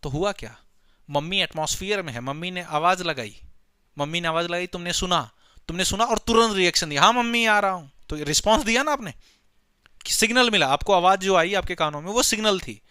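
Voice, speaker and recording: A man's voice: high voice, bright, forceful tone, clean tone, no room sound. A man teaching a biology lecture in a playful way. He keeps asking questions and then answers them himself, and he calls his listeners his children. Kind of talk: classroom lecture.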